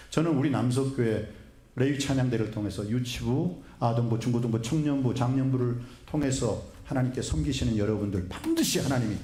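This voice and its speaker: A man as a pastor giving a sermon in a church and asking his congregation questions as he goes. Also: mid-range voice. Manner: animated, asks the congregation questions. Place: church sanctuary. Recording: echoey church hall with faint noise.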